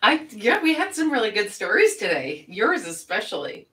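A woman's voice: medium pitch, very animated, normal speed, sharp tone, recorded from a distance. A woman co-hosting a comedy podcast, giggling and chatting casually with short reactions. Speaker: podcast co-host.

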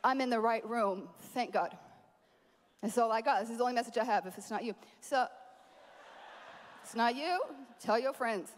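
A woman preaching a sermon at a conference, animated, with playful asides to the crowd. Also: on the high side, moderate pace, long pauses, big-room sound, slight background noise. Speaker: conference speaker. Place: large conference hall.

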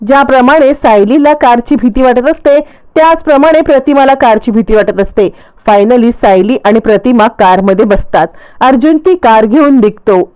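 Woman narrator, casual serial recap, lively storyteller, high and clean.

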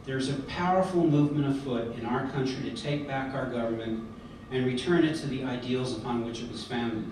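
In an indoor hotel conference hall, a middle-aged man from the United States gives a prepared podium speech with earnest delivery and frequent fillers and restarts. His pitch is medium and his tone darkish. Filmed from far away via the podium mic, the audio is echoey with background noise.

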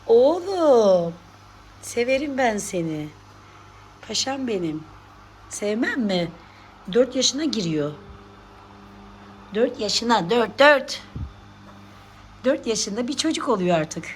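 A woman's voice: on the high side, expressive, slow, long pauses, a little hiss or hum. A woman vlogging at home, coaxing and teasing her pet cat and scolding it playfully in casual pet talk.

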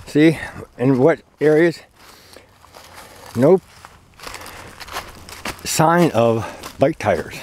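A man talking casually while walking a woodland trail, filming from behind a handheld camera, relaxed and chatty with fillers. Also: a little high, very slow, long pauses, a little hiss or hum. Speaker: hiker filming a trail walk. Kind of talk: casual vlog narration. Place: outdoors on a leafy woodland trail. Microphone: handheld camera, speaker behind it.

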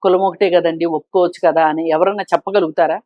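A woman guest on a talk show, giving her opinions forcefully and pressing her point with rhetorical questions. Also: fairly low pitch, fairly even intonation, quick pace, no echo, muffled recording. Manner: emphatic, argues with rhetorical questions. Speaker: social commentator guest.

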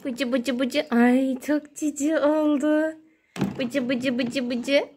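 A mother plays with her young child indoors beside water play tubs, narrating in high-pitched, sing-song baby talk full of repeated words. She speaks slowly with fairly even intonation, and the noisy phone recording has clicks.

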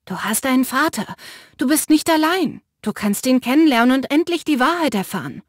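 A woman voicing a gentle earnest young man. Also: high voice, big pitch swings, slow, slightly rough, no room sound, studio quality, full character voice. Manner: soft, eager, earnest.

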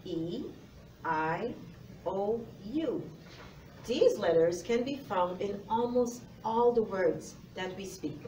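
A woman's voice: medium pitch, mellow. Woman teaching young kids, echoey classroom. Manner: encouraging, addresses young children directly. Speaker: phonics teacher. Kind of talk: children's lesson presentation. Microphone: far camera. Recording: roomy, faint noise, distant mic.

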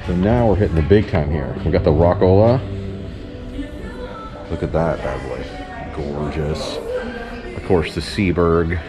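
Deep-voiced man chatting about antiques. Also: unhurried, pauses often. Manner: enthusiastic, chatty, commenting on collectibles. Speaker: vlogger filming an antique shopping trip. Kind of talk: casual chat. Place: indoor antique mall. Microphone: handheld camera, filming. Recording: background music over it. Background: loud background music.

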